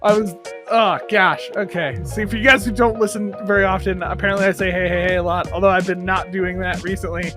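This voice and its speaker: A man's voice: high-pitched, steady tone, a little fast, music in the background. A man co-hosting a podcast, joking and rambling in casual banter, often laughing at himself. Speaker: podcast co-host.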